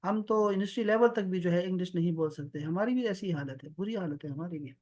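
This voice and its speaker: Over a video call, a Pakistani man teaches an online one-on-one Arabic lesson in a high voice with a darkish tone. He explains patiently, stretching out the words he wants his student to repeat.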